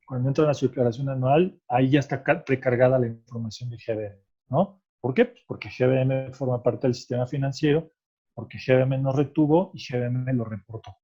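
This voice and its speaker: A man with a Mexican Spanish accent, appearing as a tax expert guest, explains tax rules patiently in conversation, adding "¿ok?" after points to make sure he's followed. He talks a little fast in a steady, medium-pitched voice that is mellow and slightly rough. The recording is muffled.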